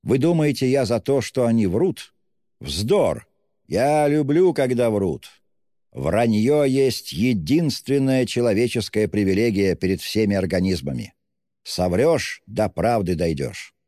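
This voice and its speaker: Drunk, effusive young man voiced by a male reader, raised, shouting storybook voice, long reverb. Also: on the low side, studio quality. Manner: shouting, effusive, self-abasing. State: tipsy. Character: drunk, excitable young man, loud and gushing.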